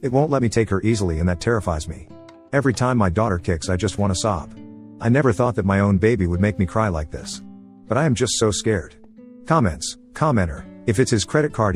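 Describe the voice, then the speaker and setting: Low voiced guy speed-reading forum drama, quiet guitar behind. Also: fast talker. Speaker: narrator of online forum posts. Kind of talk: fast scripted story reading.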